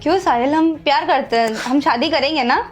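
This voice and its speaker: A young woman acts the part of Rubika, a dismissive, selfish wife who abandoned her husband, begging her boyfriend in a dramatic short film while mixing in English phrases. She speaks a little fast in a high-pitched voice close to her everyday one, with soft background music.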